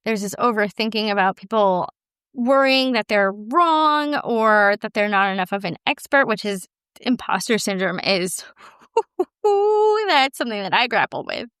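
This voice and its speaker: Woman podcast host, casual solo talk, candid and animated, fairly high voice, smooth and clear, dry close mic. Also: dry recording. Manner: candid, animated, self-deprecating with laughs. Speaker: podcast host and business owner.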